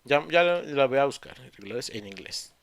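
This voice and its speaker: A man teaching English in an online class, explaining patiently step by step with pauses and fillers. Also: medium pitch, expressive. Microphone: computer mic on a video call.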